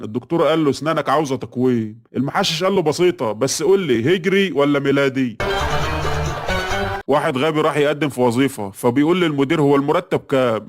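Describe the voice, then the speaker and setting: A man with an Egyptian Arabic accent reading a string of short jokes in a brisk, flat scripted delivery. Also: medium pitch. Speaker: joke teller. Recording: voice-over with loud background music.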